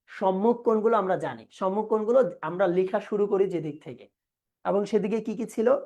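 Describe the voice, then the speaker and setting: A woman's voice: mid-range voice, a little fast, warm tone, dull audio. A young adult woman, teaching a live online class and asking questions that she then answers herself.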